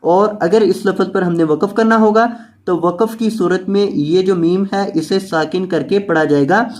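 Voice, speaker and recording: A Quran reading teacher giving a Noorani Qaida lesson, spelling out letters and vowel marks one by one, repeating each word patiently, and explaining the rules in quicker talk. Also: mid-range voice, darkish tone.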